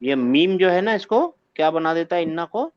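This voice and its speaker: A man teaches an Arabic grammar class, firing questions at his students and repeating key phrases until they stick. His voice sits a little high for a man. The sound is dry, muffled and lo-fi. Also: animated, moderate pace, clear, resonant tone, no echo. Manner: quizzes students, repeats phrases, corrects them patiently.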